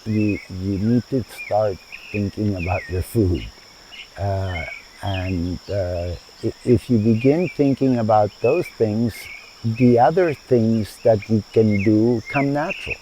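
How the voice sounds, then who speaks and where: A man in his seventies, born in Chile, answers interview questions in a garden. His voice is low and mellow and he speaks slowly with many pauses. Faint insects chirp outdoors behind him. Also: a little hiss or hum, rough recording. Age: 70s. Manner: measured, thoughtful, with frequent hesitations. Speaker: founder of a sustainable community.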